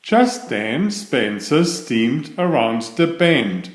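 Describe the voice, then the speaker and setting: In a roomy, echoey recording, a storybook reader delivers a children's bedtime story. The man's pitch sits in the medium range, and his reading is deliberate and expressive.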